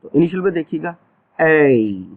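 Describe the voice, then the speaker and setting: Male teacher, measured classroom pace, repeats sounds for students, tinny lo-fi recording. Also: fairly high pitch, animated. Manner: slow, drawn-out, repeats example sounds. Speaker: phonetics teacher. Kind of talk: classroom lecture. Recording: tinny phone-like audio.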